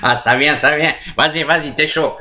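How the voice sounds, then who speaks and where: A man's voice: fairly high pitch, steady tone, moderate pace, pushed and bright. A man in casual comic banter, playing the sidekick who feeds cues. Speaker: sidekick feeding cues in a comedy sketch. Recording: noticeable background noise.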